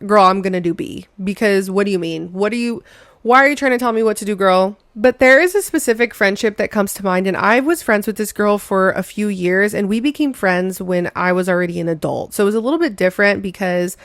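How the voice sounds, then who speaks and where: A woman's voice: medium pitch, brisk, no room sound. Young female podcaster, casual storytelling, chatty and emphatic, dead-dry close sound. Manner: chatty, emphatic, says "girl" and "like" often. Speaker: podcast host.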